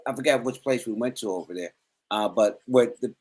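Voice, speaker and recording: A man's voice: mid-range voice, fairly quick, darkish tone, slightly rough, low-quality recording. A man co-hosting a casual chat, explaining his point earnestly and at length, often repeating words as he goes. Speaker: co-host.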